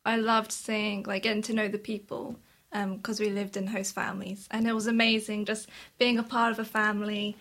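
A woman's voice: medium pitch, flat delivery, moderate pace, fairly bright tone. A nineteen-year-old woman on a podcast, telling her story with enthusiasm and lots of ums. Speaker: podcast guest. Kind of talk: casual storytelling.

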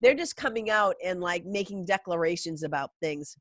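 A woman's voice: on the low side, moderate pace, no room sound. Stuffy-nosed woman podcaster, dry close sound. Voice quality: stuffy, nasal. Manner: informal, rambling, emphatic, mildly sweary. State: congested with a cold. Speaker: podcast host. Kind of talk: casual solo podcast monologue.

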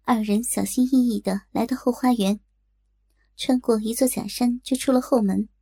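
A woman reading a scripted martial-arts story in a measured storytelling manner. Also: on the high side, steady tone, creaky, warm tone, husky, dry recording, studio quality. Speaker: narrator.

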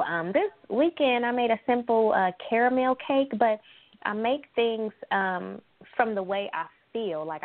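A woman from San Francisco, a guest entrepreneur, talking in a lively, chatty way and laughing often. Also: mid-range voice, no room sound. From San Francisco, USA. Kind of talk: casual interview chat. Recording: thin phone-line sound, dry.

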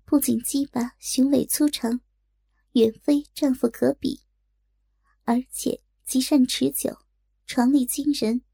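A woman narrating a story in a slow, measured way. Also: high voice, gravelly, mellow, no echo.

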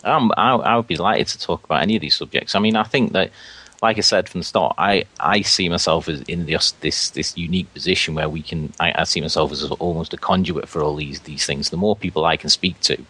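A man's voice: low-pitched, fairly quick, pushed and bright, breathy edge. A man with a Scouse accent, a guest chatting casually on a podcast in an earnest, chatty way.

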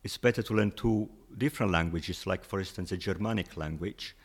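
A man with a fairly low voice talks through his points patiently, stacking up examples the way a friendly teacher would. English is not his first language, and he keeps the tone relaxed and conversational, as a guest in an interview. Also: fairly quick, breathy edge. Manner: patient, explains with examples, chuckles often. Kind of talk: casual explanatory chat.

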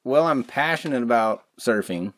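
A man's voice: mid-range voice, animated, normal speed, fairly bright tone. A man appearing as a podcast guest, agreeable and answering in short replies. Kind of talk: casual chat. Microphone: studio microphone.

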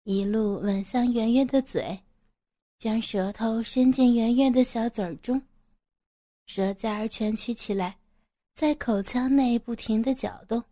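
Slow-reading woman narrator. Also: a little high, dark tone, dry recording, studio quality. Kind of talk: storytelling narration.

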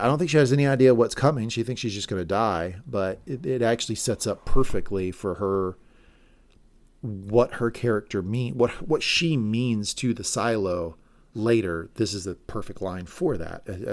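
A man co-hosting a laid-back podcast walks through a TV episode one scene at a time in a fairly low voice. His delivery is rambling and self-correcting, full of speculation about the plot.

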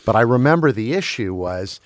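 A man's voice: medium pitch, animated, fairly quick, dry recording. A man who grew up in Belgium, talking casually about film and streaming, with many restarts and fillers.

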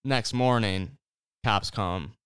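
Low smooth-voiced man telling a story. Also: slow, a bit bright, dry recording, studio quality. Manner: rambling storyteller, loose with fillers. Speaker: podcast host recapping a TV series. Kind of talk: casual chat.

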